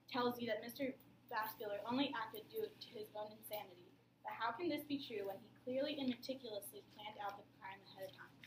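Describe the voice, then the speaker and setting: A young woman acting as prosecutor in a mock trial, reading a closing statement in a steady, emphatic way. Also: fairly high pitch, close to an everyday voice. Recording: echoey room with background noise.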